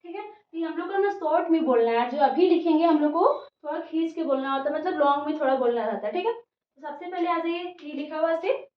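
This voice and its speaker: A woman's voice: high voice, brisk. A woman teacher giving an English pronunciation lesson in Hindi, spelling words out letter by letter and checking in with "theek hai" after each step. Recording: muffled, echoey room, voice from a distance.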